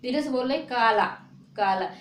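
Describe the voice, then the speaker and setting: A woman teaching a spelling lesson, repeating words slowly and asking her viewers rhetorical questions. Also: on the high side. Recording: echoey room with faint noise.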